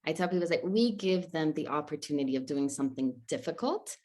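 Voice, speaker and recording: A woman's voice: low-pitched, lively intonation, quick pace, a little mellow. A woman interviewer in a casual interview, encouraging, drawing life lessons from her guest's stories. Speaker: interviewer, club founder.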